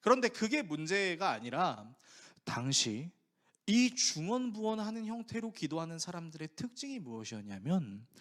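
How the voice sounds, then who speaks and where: Male pastor, sermon delivery, higher voice, very animated pitch, tells stories vividly. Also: normal speed. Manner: animated storytelling, acting out prayers and quotes.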